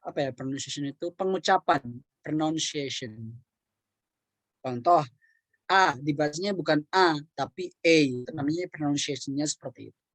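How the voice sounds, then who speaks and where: A man teaching an online English class, explaining in Indonesian with patient repetition and frequent throat clearing. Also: a little high, moderate pace, no room sound. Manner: patient, repeats words and examples, clears throat often.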